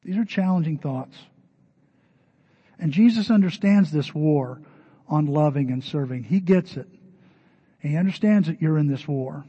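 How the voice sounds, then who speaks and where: A middle-aged man preaching a conversational sermon, his voice rising to loud emphatic peaks and dropping to soft, low asides. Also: normal speed, long pauses, slightly rough. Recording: dull lo-fi sermon recording.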